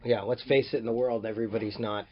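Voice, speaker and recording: A man's voice: fairly low pitch, little pitch movement, fast, highs cut off, a little hiss or hum. A man hosting a podcast, chatting casually with his guest, joking and affirming often. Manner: joking, affirming with frequent yeahs. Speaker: podcast host. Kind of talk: casual interview chat. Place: on a boat in a harbor.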